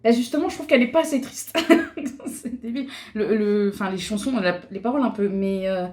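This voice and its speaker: A woman's voice: mid-range voice, a little fast, a little mellow. Chatty young woman vlogging her makeup. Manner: chatty, laughing, many fillers and restarts. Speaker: beauty vlogger. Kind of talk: casual chat while doing makeup.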